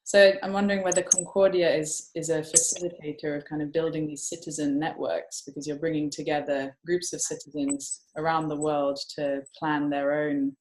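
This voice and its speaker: A woman's voice: low-pitched, flat delivery, normal speed, hardly any pauses, a little mellow, poor audio. A woman asking questions over a video call while the internet connection breaks up and drops out; she sounds tentative, apologetic and rephrases herself. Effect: choppy internet call dropping out.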